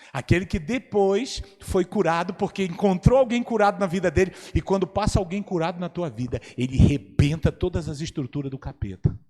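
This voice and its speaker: A man delivers a sermon in a church, his fairly high voice swinging from quiet asides to loud, animated exclamations. The sound carries a long hall reverb around him. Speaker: pastor.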